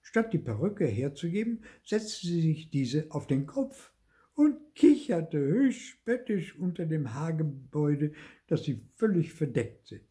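An older man reads a children's story aloud at an unhurried pace. His mellow voice rises and falls with lively expression, making each scene vivid. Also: a little high.

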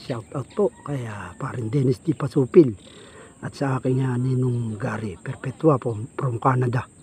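A Filipino man vlogging while hunting fish alone from a boat, murmuring quietly as he stalks and speaking up when he moves spots. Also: mid-range voice, moderate pace. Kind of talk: casual vlog commentary. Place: outdoors on a boat on a weedy lake. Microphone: action camera. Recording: outdoor ambience noise, wind.

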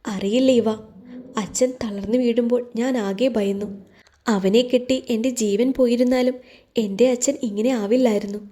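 A woman voicing a frightened, tearful young woman who speaks in a shaken, halting way in a storybook reading. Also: fairly high pitch, fairly even intonation, dark tone, close to an everyday voice. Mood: distraught.

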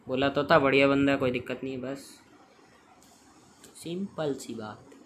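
A young man streaming a game and chatting loudly with friends on a call, joking and complaining as he plays. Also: mid-range voice, normal speed, slight background noise. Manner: loud, joking banter with friends. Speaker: gaming streamer.

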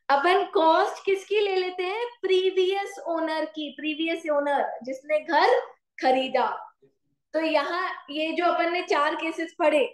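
A woman commerce teacher giving a classroom lecture with an Indian accent, slowly dictating notes and asking her students questions. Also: very high-pitched, reverberant, low-quality recording. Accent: Indian English mixed with Hindi.

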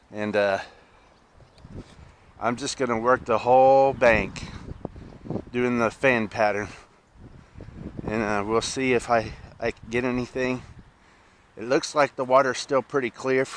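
A middle-aged man, vlogging by a park pond, talking slowly with many pauses and restarts. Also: medium pitch, steady tone, fairly bright tone, rough recording. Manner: slow, halting, many "uh"s and restarts. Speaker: fishing vlogger. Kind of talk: casual outdoor vlog. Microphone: camera on a stand, then head-mounted camera. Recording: outdoor noise behind the voice.

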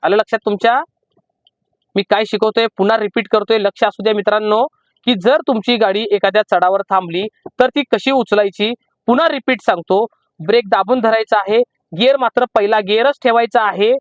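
A man with a Marathi accent teaching driving from inside a parked car, explaining slowly and repeating each step. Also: high-pitched, no echo, highs cut off. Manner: repetitive, slow emphatic teaching. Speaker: driving instructor. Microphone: camera in the car.

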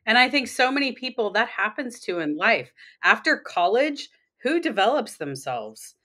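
A woman's voice: a little high, very animated, moderate pace, sharp tone. A woman guest on a podcast, an accountant and financial coach, explaining money matters steadily and building her points in lists. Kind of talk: podcast interview conversation.

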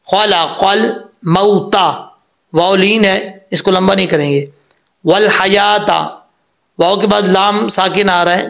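A man teaching Quran recitation, explaining each rule patiently and then drawing the words out very slowly. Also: high-pitched.

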